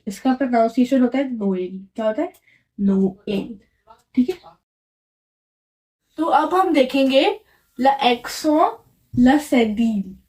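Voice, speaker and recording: A woman's voice: fairly high pitch, warm tone. A young woman explaining a language lesson in a casual way, patiently repeating each answer and quizzing her viewers. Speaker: French teacher.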